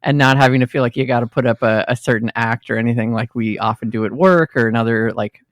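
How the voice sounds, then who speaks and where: A man's voice: medium pitch, fast, no room sound, clean studio sound. A man co-hosting a music podcast, chatting in a friendly way with frequent ums. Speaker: podcast co-host. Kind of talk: casual chat.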